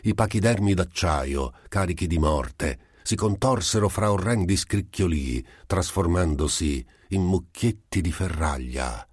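A man reading a literary short story aloud as an audiobook, in a measured, dramatic storytelling manner. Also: low-pitched, lively intonation, a little mellow, husky, no room sound, studio quality. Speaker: audiobook reader. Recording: amateur home recording.

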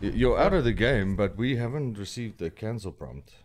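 A man chatting casually with teammates in a shooter game, excitable and swearing often. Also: on the low side, moderate pace. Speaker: gamer in voice chat. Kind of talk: casual gaming chat. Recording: voice chat over noisy game audio.

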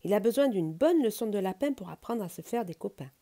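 A woman voicing a calm, kind female rabbit in a storybook, speaking gently and patiently. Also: mid-range voice, brisk, natural voice. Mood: reassuring.

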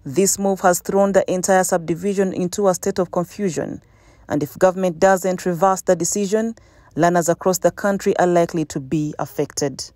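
A woman with a Ugandan accent reading a scripted news report in a measured, formal way. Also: on the low side, steady tone, darkish tone, no room sound. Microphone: studio voice-over.

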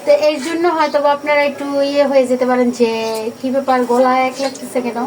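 Woman, high voice, casual kitchen vlog host talking to camera. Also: fairly even intonation, fast, a little mellow, slight background noise, rough recording. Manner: chatty, addresses viewers directly. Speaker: cooking vlogger. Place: home kitchen.

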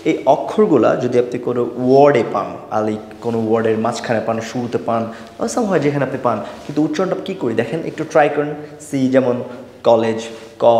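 A Bangladeshi man teaching pronunciation online, his pitch slightly raised and leaping all over as he stresses example words again and again. The room is echoey and hall-like, with a long tail after each word. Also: darkish tone, slight background noise. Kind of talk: online lesson mixing Bengali and English. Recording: roomy echo with a long reverb.

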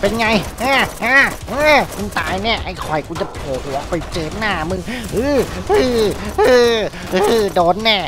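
A man voicing a fed-up adult male neighbor who rants and yelps irritably while playing a game, over loud music. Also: sits high, animated, normal speed, hardly any pauses. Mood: annoyed. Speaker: game player. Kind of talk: comedic let's-play commentary.

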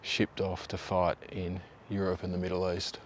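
Out by a river and on park paths, a Tasmanian local history host talks to camera in a relaxed, conversational way, dropping in offhand asides. The Australian man has a deep voice and a moderate pace, and there's slight background noise.

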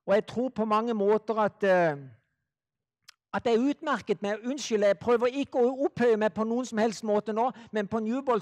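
A man with a fairly high voice preaches to a gathered audience. He builds his points through slow repetition and lets some phrases fall almost to a murmur. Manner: slow, deliberate, repeats phrases, drops to a hush. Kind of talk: sermon to a live audience.

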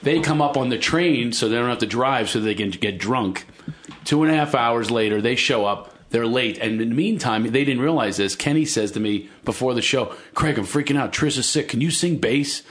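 A man guesting as a comedian on a podcast recorded in a home basement. He tells long anecdotes in an animated, self-mocking way. His voice sits at an ordinary middle pitch. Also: moderate pace. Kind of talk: casual storytelling.

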